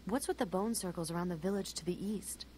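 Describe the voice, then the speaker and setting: A woman's voice: on the low side, quick pace, warm tone, lightly acted. A woman voicing an inquisitive, practical adventurer heroine in a video game, speaking plainly and directly. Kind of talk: video game character acting. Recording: game audio with faint noise.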